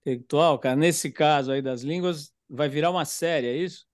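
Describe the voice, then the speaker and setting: A man's voice: a little high, a little fast, no room sound, studio quality. A man interviewing his guest in a casual, admiring way.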